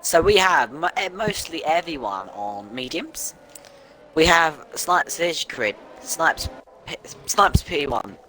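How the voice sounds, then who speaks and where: A man doing casual live commentary on an online sim race, chatty and reeling off grid positions quickly. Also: fairly high pitch, big pitch swings, pushed and bright, slight background noise, low-quality recording.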